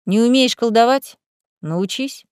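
A woman's voice: a little high, unhurried, clean tone, dry recording, studio quality, lightly acted. A woman voicing Cornelia, a sly teasing cat familiar. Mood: instructing. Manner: lazy, teasing, mocking. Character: sly, greedy young female cat familiar. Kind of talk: audiobook character voice.

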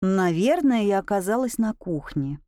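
A woman narrating a first-person audiobook in a lively, expressive way. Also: mid-range voice, normal speed, no echo, clean studio sound.

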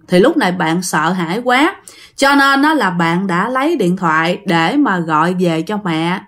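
A woman's voice: mid-range voice, fairly bright tone. A woman with a Southern Vietnamese accent narrating a ghost story casually, addressing her listeners.

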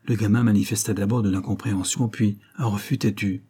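Low, husky male audiobook narrator. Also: fairly even intonation, fairly quick, warm tone. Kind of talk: scripted narration.

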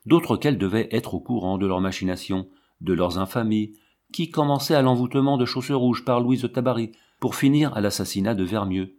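A man narrating a classic novel as an audiobook in a dramatic, measured way. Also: fairly low pitch, a little mellow.

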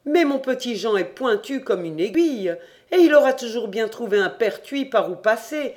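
A man reading aloud and voicing a panicky, boastful young man who talks fast and excitedly in an audiobook. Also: very high voice, voice pushed up. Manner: rapid, agitated, shouting.

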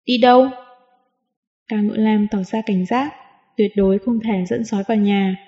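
Female audiobook narrator, even and smooth; dull lo-fi sound with long reverb. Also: mid-range voice, moderate pace. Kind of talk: scripted narration.

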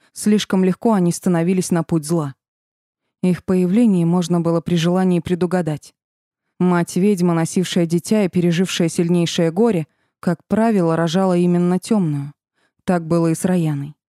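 Woman with a mellow low voice narrating an audiobook. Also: dry recording, studio quality. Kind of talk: first-person audiobook narration.

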